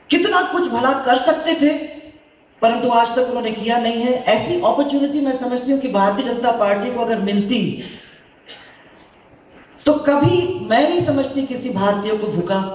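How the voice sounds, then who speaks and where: A woman gives an unhurried, oratorical speech to a gathered audience, weighing each phrase. Her voice comes from some distance from the microphone and booms around a large, strongly echoing hall. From India. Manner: deliberate, oratorical, mixing Hindi and English. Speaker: political speaker. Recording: booming hall echo, voice from far off.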